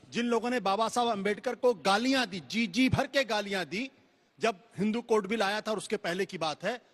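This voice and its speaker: A man arguing forcefully as a panelist in a heated political debate, speaking over others. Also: sits high, in a large hall.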